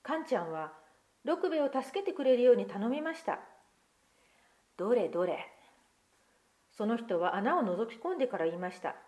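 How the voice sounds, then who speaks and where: A woman leading a church children's talk, asking Bible quiz questions and then reading a picture book aloud with gentle, expressive storytelling and voices. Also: a little high, normal speed, pauses often.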